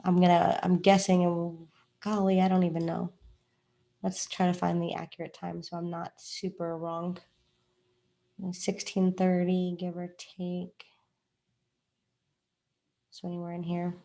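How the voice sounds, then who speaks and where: A woman's voice: fairly low pitch, monotone, a little slow, creaky, long pauses, warm tone. A woman, a trading coach chatting through a chart in a rambling, self-joking way. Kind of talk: casual screen-share explanation.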